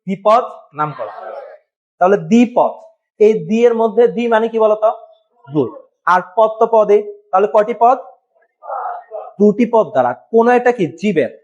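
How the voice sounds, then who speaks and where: A man's voice: high-pitched, lively intonation, normal speed, pauses often, darkish tone, lo-fi sound. A man teaching a biology class at a board, asking questions and answering them himself, and spelling words out. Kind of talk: classroom lesson.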